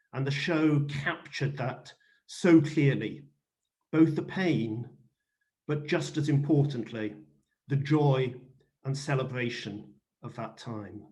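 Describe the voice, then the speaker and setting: A middle-aged or older man hosting an event with a formal, courteous and deliberate introduction. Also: mid-range voice, darkish tone. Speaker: host, moderator.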